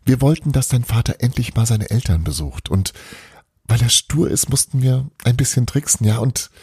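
Brief: a flighty, scheming old witch mother, sly and teasing, husky, voiced by a man. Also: mid-range voice, expressive, moderate pace, mellow, no room sound, clean studio sound, pitched above the performer's own voice. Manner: sly, teasing, sprinkles Italian words.

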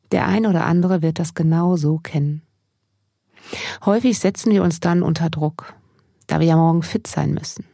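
This is a fairly low, mellow, slightly husky and creaky female voice, recorded at studio quality with no room sound. She's a podcast host and mindfulness coach acting as a gentle sleep meditation narrator, speaking directly to the listener.

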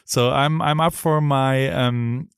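This podcast host, a middle-aged man, talks with enthusiasm through a casual interview, often rambling and starting sentences over. He has a medium-pitched, smooth, steady voice and speaks slowly, recorded dry in a clean studio.

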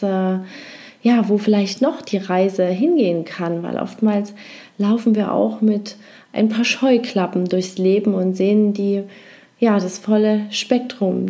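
A woman informally introduces a meditation in a gentle, encouraging and reflective way. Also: mid-range voice. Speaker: meditation guide.

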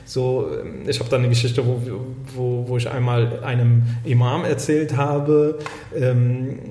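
Man, casual discussion, halting speech with fillers, dark mellow voice, echoey room. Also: mid-range voice. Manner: halting, many fillers and restarts. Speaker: podcast co-host.

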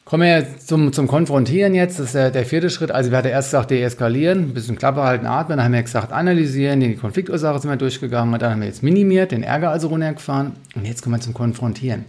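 A man's voice: mid-range voice, rapid-fire, few pauses, darkish tone. A man coaching on handling conflict, talking bluntly and colloquially, often tagging his points with a questioning "ne?". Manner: colloquial, blunt, with frequent "ne?" tags. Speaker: communication coach.

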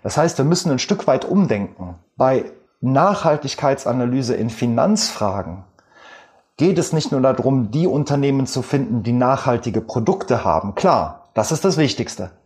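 This interview guest is a male expert from the Rhineland whose accent comes through clearly. His delivery is animated yet measured, with a medium pitch, a darkish timbre, and frequent filler words as he explains.

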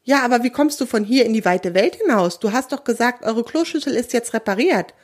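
A timid little creature boy who gets easily worried, played by a woman. His squeaky voice sits very high and swings widely, as in a children's storybook. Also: expressive, fairly quick. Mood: worried, eager. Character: timid, curious little male creature friend.

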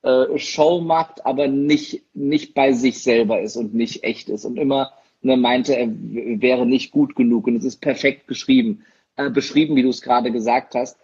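Husky, hesitant male interviewer. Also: mid-range voice, steady tone, normal speed, a little mellow, highs cut off. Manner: hesitant, many fillers and restarts. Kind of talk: interview conversation.

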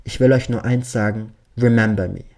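A man's voice: fairly low pitch, fairly even intonation, normal speed, gravelly, a little mellow. A man reading the lines of a vengeful young man who taunts his captives with impatient, mocking menace. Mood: bitter.

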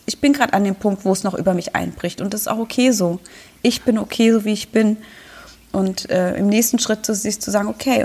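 Woman coach chatting on a podcast, gentle and reassuring, mid pitch. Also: vocal fry, slightly rough. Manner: warm, reassuring, acts out inner voices. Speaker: coach with own practice. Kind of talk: conversational podcast talk.

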